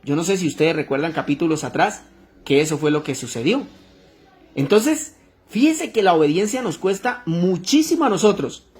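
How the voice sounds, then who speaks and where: An emphatic preacher leads a prayer group through a Bible study and prayer. The voice sits at a middling pitch and climbs into fervent exclamations and pointed rhetorical questions. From Colombia.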